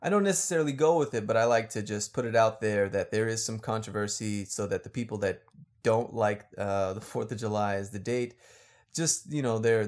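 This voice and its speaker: Low-voiced man hosting a casual podcast. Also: a little mellow. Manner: laughs often, explains things for learners. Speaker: podcast host and teacher.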